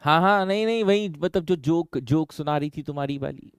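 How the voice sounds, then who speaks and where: एक पुरुष शिक्षक कक्षा में रसायन पढ़ाते हुए, हिंदी और अंग्रेज़ी मिलाकर फुर्ती से और छात्रों को छेड़ते हुए बोलता है।. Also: male voice, fairly high pitch, clean tone, no echo, clean studio sound. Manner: brisk, teasing, mixes Hindi and English. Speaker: chemistry teacher. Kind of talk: classroom lecture. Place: classroom.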